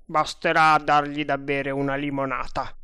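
A man voicing a calm, resourceful servant who speaks in a matter-of-fact way. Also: fairly high pitch, normal speed, clear, resonant tone, dry recording, studio quality. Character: calm resourceful male servant, sly and confident.

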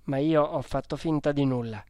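An audiobook narrator reading a children's novel in a measured, even storytelling manner. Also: medium pitch, no room sound, clean studio sound. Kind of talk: scripted narration.

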